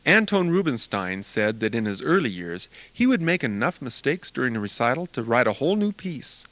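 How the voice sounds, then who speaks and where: A man's voice: mid-range voice, brisk, no echo, rough recording. An older man, a music teacher, giving an earnest, encouraging talk to students about performing. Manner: earnest, encouraging, animated delivery.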